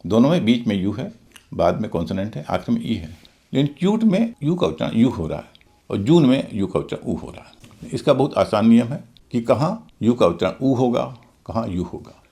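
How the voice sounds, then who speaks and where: A man's voice: mid-range voice, sing-song, a little fast, mellow. A middle-aged man teaching English pronunciation, spelling out words letter by letter and explaining the rules step by step. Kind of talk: Hindi-language English lesson.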